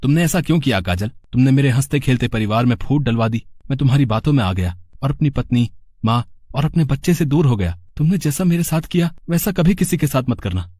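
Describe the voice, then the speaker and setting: A man's voice: medium pitch, expressive, brisk, mellow, no room sound, clean studio sound, natural voice. A man voicing a reproachful young husband in a cartoon story.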